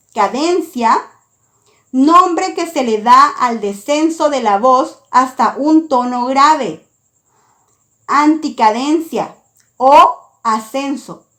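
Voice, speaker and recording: A woman teaching a lesson, reading out a scripted explanation in a careful, deliberate way. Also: high-pitched, fairly bright tone. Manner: slow, careful, deliberate delivery.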